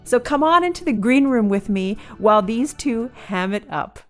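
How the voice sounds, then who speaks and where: A woman's voice: a little high, expressive, normal speed, faint music behind. A woman hosting a podcast, introducing her guests in a bubbly, playful way. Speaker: podcast host. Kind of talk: podcast intro and casual chat.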